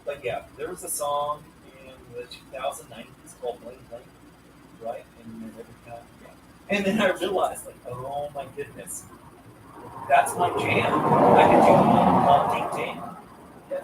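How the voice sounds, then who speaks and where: A man hosting a casual live stream, rambling through upbeat shout-outs to his viewers. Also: medium pitch, moderate pace. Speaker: livestream host. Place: roadside station, partly outdoors. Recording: roomy, distant, noisy live stream.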